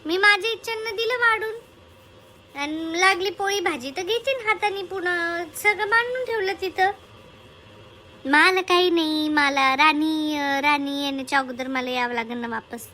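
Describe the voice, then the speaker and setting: A woman's voice: very high voice, normal speed, bright, forceful tone, a little hiss or hum. A woman, chatting and fussing in a village comedy sketch.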